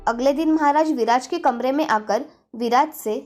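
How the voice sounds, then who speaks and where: A woman storyteller delivers scripted narration of a children's fairy tale at a normal speed. Her voice sits high with a darkish tone, and faint music plays in the background.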